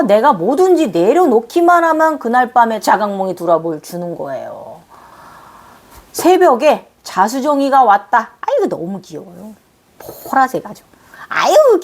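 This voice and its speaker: A woman host telling viewers about a dream in a casual, animated way, cooing and exclaiming fondly as she explains. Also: on the high side. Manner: explains with gestures and repeats phrases. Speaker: spiritual channel host.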